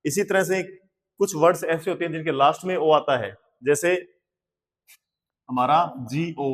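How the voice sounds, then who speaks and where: A man's voice: a little high, measured pace. A man with an Indian accent teaching English pronunciation in a patient manner, spelling out words letter by letter and repeating them. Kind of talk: slow board lesson. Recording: long hall reverb.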